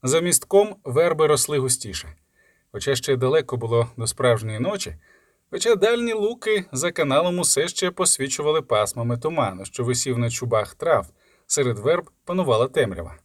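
A man's voice: mid-range voice, lively intonation, brisk, dry recording, clean studio sound. Man narrating a fantasy audiobook. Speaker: audiobook reader.

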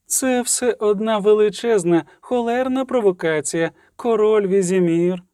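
A man's voice: high voice, unhurried, mellow, dry recording, studio quality, pitched above the performer's own voice. A man voicing a proud sorceress who protests hotly and accusingly. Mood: indignant. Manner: heated, protesting. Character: proud, indignant female sorceress.

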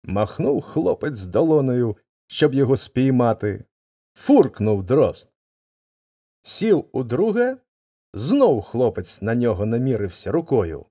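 Чоловік неспішно читає народну казку, дуже виразно, з широкими злетами й спадами інтонації. Голос хрипкуватий, звук сухий і близький. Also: male voice, mid-range voice, slow, no room sound, studio quality. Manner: expressive, dramatic intonation. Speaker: narrator. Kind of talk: storybook reading.

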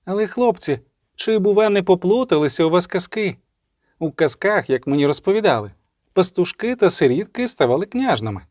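Sarcastic young sorceress, read by a man, ironic, higher-pitched, dry sound. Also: animated, a little fast, a little mellow, dry recording. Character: sharp-tongued young sorceress woman.

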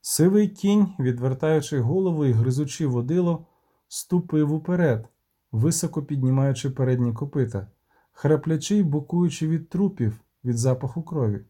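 A man narrating an audiobook in a steady, rhythmic reading. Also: on the high side. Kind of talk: scripted narration.

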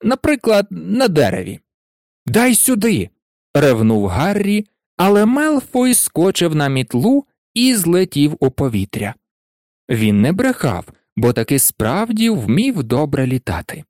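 A man narrating a storybook aloud in an expressive, dramatic reading. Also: a little high, unhurried, no room sound. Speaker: audiobook narrator. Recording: dry close recording.

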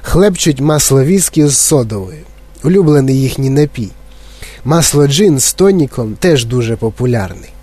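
A man reading an audiobook, voicing an eccentric, excitable male candy-factory owner who talks in brisk, insistent exclamations. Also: mid-range voice, no room sound, natural voice. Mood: eager. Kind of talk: audiobook character voice.

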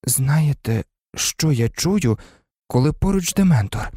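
A grim, stubborn teenage boy, played by a male reader, bitter and set on his course. His voice is warm and moves in lively swings of pitch. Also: takes it slowly, slightly rough, no echo, studio quality, full character voice. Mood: brooding.

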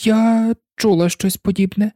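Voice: medium pitch, steady tone, a little slow, mellow, no echo, studio quality, voice pushed up, lightly acted. A reader voicing a curious, polite young girl in a storybook, asking questions in an inquisitive manner. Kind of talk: storybook reading.

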